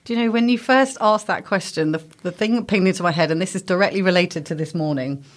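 A woman's voice: fairly low pitch, quick pace. Laughing southern English woman guest. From Berkshire, England. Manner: warm storytelling, laughs often. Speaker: guest, yoga studio co-founder. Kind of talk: casual interview chat.

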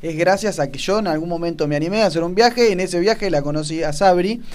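A man's voice: high-pitched, quick pace. Easygoing Argentine man co-hosting radio. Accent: Argentine Spanish. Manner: easygoing, rambling questions. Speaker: radio co-host. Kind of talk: casual radio chat.

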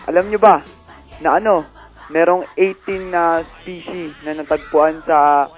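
A man's voice: a little high, steady tone, unhurried, soft background music. A man calling in to a radio show, earnest and insistent. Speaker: caller. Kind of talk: phone-in call.

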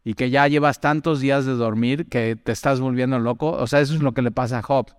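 A man gives a conversational Bible talk, often turning to the listener with questions and stories from his own life. His voice is smooth and clean, with a long trailing reverb behind it. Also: mid-range voice, steady tone, a little fast, clean studio sound. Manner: chatty, asks the listener direct questions, tells personal stories. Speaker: Bible teacher.

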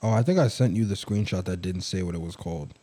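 Young adult male, mellow tone, loose rambling friend-to-friend banter with a teasing edge. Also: low-pitched, quick pace.

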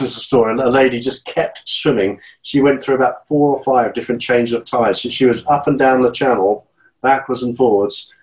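Heard through a low-quality recording, a medium-pitched British man in his fifties, a channel swimmer, speaks as a guest in a casual interview. He's earnest and encouraging but often restarts and repeats his words.

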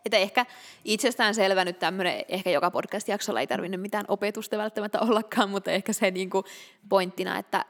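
A woman's voice: mid-range voice, in a large hall. A young woman from Finland co-hosting a podcast with her sister, chatting casually and laughing often. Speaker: podcast co-host. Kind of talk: casual chat.

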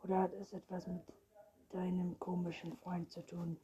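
A woman voicing a dry, mildly mocking mother in a hushed whispered role-play. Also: fairly low pitch, monotone, normal speed, muffled recording, crowd noise, lightly acted.

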